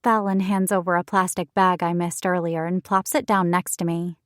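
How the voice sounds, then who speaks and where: A woman reading a first-person romance audiobook in an expressive, wry storytelling manner, recorded close on a studio mic. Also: lowish voice, normal speed, no echo. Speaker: audiobook narrator.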